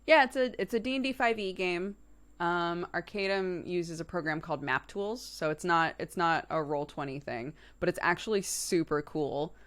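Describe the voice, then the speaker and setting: Her voice is fairly low-pitched and a bit bright, and she talks at normal speed. This early-30s woman hosts a livestream, casually chatting with live viewers in an informal, conversational manner and laughing easily.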